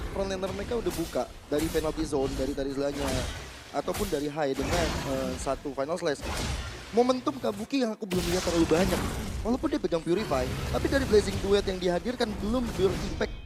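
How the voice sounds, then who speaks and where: High-voiced Indonesian male esports commentator. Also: noisy background. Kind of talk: live match commentary.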